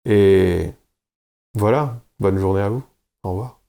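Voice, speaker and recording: A man hosting an educational channel, delivering scripted narration in a brisk way with wry, ironic asides. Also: lowish voice, vocal fry, mellow, slight background noise. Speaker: YouTube linguistics host.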